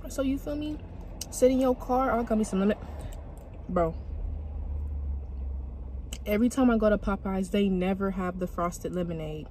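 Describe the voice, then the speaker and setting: A young woman hosting a casual food vlog from inside her car, chatting to viewers in a relaxed, slangy way. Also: mid-range voice, normal speed, long pauses, slight background noise. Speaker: vlogger.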